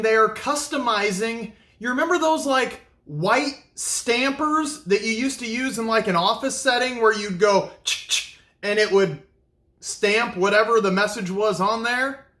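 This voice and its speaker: An upbeat man chats casually to his viewers as host of his own vlog, snacking between lines. His voice sits high for a man and rings bright and forceful. The sound bounces around an echoey room. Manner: upbeat, chatty, talks to viewers while snacking.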